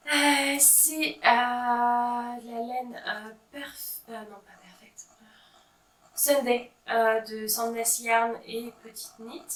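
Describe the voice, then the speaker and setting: A woman's voice: medium pitch, sharp tone. Chatty woman in an echoey room. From France. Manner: chatty, many "euh" fillers, self-mocking. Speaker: knitting vlogger. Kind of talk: casual show-and-tell chat. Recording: echoey room, voice a bit far from mic.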